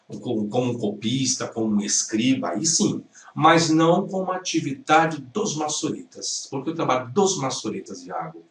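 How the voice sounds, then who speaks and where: A Brazilian man teaching Hebrew, correcting a video point by point and repeating the right pronunciations. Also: medium pitch. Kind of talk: critical lecture commentary. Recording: roomy sound from a distance.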